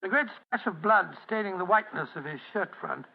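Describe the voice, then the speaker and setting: Loyal, earnest doctor, high-pitched, slightly hesitant, thin narrow-band radio drama sound. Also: male voice, expressive, fast talker, creaky, full character voice. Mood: grave storytelling. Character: earnest gentleman doctor, detective's loyal friend, a man. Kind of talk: old radio drama acting and narration. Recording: tinny, narrow-band old radio recording.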